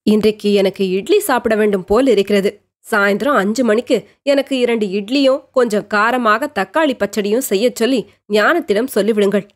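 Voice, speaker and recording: A woman's voice: medium pitch, normal speed, close to an everyday voice. A woman voicing a lovesick bedridden young woman. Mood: cheerful. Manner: anxious inner monologue, questioning herself.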